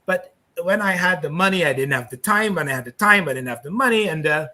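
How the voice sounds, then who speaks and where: A middle-aged man from Barbados hosts a relaxed online chat. His voice sits a little high and sounds bright, and his manner is courteous and chatty. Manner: courteous, talkative, halting at the guest's name. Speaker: host. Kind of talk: casual video-call chat.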